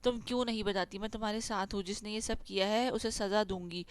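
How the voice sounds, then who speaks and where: A woman's voice: mid-range voice, fairly even intonation, clean tone, close to an everyday voice. A woman voicing a worried mother who pleads with her daughter in an anxious tone.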